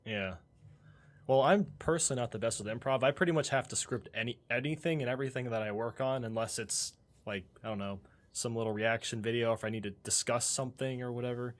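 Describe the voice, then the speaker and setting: A man's voice: medium pitch, quick pace. A man in his early twenties co-hosting a casual gaming podcast, talking frankly and easily. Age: 20s. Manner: lively, casual, frank advice. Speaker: podcast co-host.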